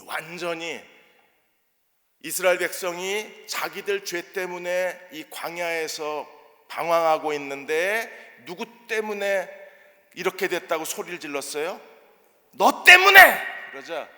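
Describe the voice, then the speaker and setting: A middle-aged male pastor delivers a sermon in a church sanctuary, asking his congregation questions and acting out quotes with dramatic force. His voice is bright and forceful and sits a little high for a man. A long reverb from the church hall trails behind each phrase. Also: measured pace. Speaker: senior pastor.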